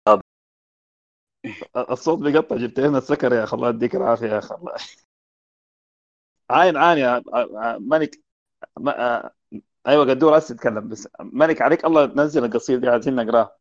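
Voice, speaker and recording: A man hosting a casual online poetry chat, teasing his friends in quick banter. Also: mid-range voice, dry recording. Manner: joking, teasing, fast banter. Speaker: host. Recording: dull lo-fi online call audio.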